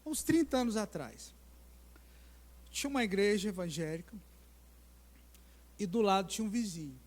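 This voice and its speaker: Middle-aged pastor guy preaching, pretty high voice, lively storyteller, big church echo. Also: moderate pace. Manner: animated storytelling with acted voices and questions to the congregation. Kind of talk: sermon. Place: church sanctuary. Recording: long church-hall reverb.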